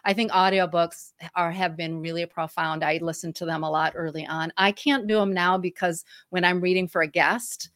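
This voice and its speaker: A woman's voice: on the low side, steady tone, normal speed, few pauses, fairly bright tone, dry recording, studio quality. A woman with a twangy American Midwestern accent speaks casually and expressively as an interview guest. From Michigan, US. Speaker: guest, author.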